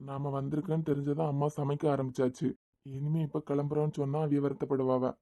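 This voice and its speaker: A woman voicing a calm young husband with a Kanyakumari accent. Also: low-pitched, fast. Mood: concerned. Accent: Kanyakumari Tamil. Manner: soothing, questioning. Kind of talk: cartoon voice acting.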